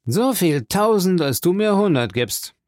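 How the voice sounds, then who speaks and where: A man's voice: high-pitched, sing-song, unhurried, darkish tone, dry recording, clean studio sound, pitched above the performer's own voice. A man voicing a cold, guarded young male impostor who answers curtly, in a storybook reading. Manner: curt, guarded.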